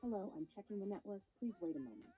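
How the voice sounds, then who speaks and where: A woman's synthetic voice giving flat system announcements for a toy's network setup. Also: medium pitch, fast, slightly rough, dry recording, soft background music. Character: toy's robotic network status voice.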